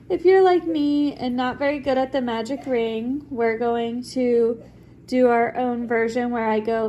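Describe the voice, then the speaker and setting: Sitting at her table at home, a young woman talks viewers through crocheting in a relaxed, step-by-step way, filling gaps with plenty of "likes" and "ums." She sounds congested, still recovering from being sick. Her pitch is on the high side and warm, with a slight hiss or hum on the recording.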